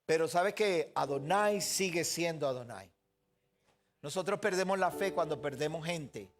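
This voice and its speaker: A pastor giving a sermon in an earnest way, often putting questions straight to the listeners. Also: male voice, on the high side, expressive, measured pace.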